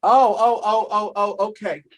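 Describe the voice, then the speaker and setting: A man's voice: sits high, steady tone, unhurried. A man speaking informally and reflectively on a video call, answering questions and recounting family history.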